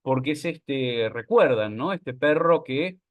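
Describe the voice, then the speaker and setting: Lively Argentine man teaching a class. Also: mid-range voice, slow, phone-quality sound. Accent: Argentine Spanish. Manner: conversational, frequent tag questions. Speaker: literature teacher. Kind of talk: virtual class lecture.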